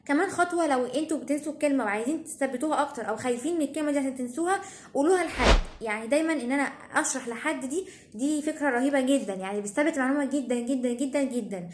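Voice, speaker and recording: A woman's voice: high-pitched, very fast, roomy sound, slight background noise. A teenage girl with an Egyptian Arabic accent, giving study tips in a chatty, emphatic way and often checking in with her listeners. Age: teens. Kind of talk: casual advice talk to camera.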